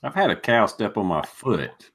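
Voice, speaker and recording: A man with a somewhat low voice talks in a casual group voice chat. He tells his stories in a dry, matter-of-fact way. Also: sing-song, moderate pace, gravelly, a bit bright, a little hiss or hum. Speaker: chat participant.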